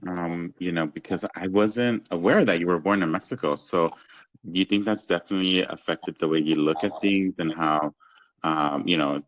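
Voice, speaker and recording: A man's voice: sits low, no room sound, rough recording. A man hosting a podcast, chatting loosely with lots of fillers and easy laughs. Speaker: podcast host. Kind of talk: casual interview chat.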